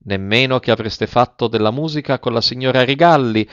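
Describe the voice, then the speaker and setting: A man's voice: mid-range voice, fairly quick, fairly bright tone, no room sound, close to an everyday voice. A scornful proud countess, voiced by a male reader. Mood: bitter, ironic. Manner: scornful, clipped retorts. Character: proud, bitter noblewoman, sarcastic and scornful. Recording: slightly dull, dry close recording.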